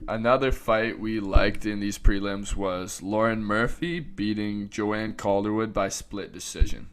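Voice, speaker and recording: A man from Canada co-hosting a podcast, chatting casually and analytically about fight results, often trailing off softly. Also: on the low side, steady tone, unhurried, clear, resonant tone. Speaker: podcast co-host. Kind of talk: casual sports chat.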